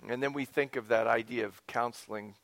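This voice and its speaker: Male pastor, expressive sermon, middle-pitched voice, soft whispers and rising emphasis, chatty asides. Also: brisk, creaky. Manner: conversational asides to the congregation.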